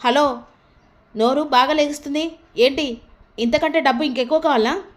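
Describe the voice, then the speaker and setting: A woman voicing an arrogant, quick-tempered young man who shouts and scolds in a recapped TV story. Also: high voice, steady tone, natural voice. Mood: angry.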